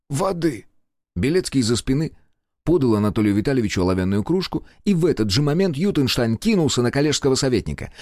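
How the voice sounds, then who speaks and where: A man narrating an audiobook in an expressive storytelling manner. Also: medium pitch, no room sound, clean studio sound.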